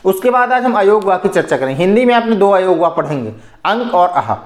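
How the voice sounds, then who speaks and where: A man with a Hindi accent teaches an exam-prep grammar lesson, his voice sitting high. He explains patiently, poses questions and answers them himself, and checks in often with a quick "okay". The room adds a noticeable echo around him. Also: big pitch swings. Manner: explanatory, repeats "ठीक है" and asks and answers his own questions.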